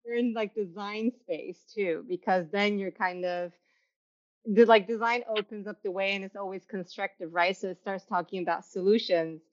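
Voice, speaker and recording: A woman's voice: medium pitch, fairly even intonation, moderate pace. Young female host raised in Turkey, chatty and loose, over a slightly muffled video call. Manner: chatty, many restarts and fillers, laughs often. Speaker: podcast host. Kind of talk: casual interview chat. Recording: slightly dull, lo-fi sound.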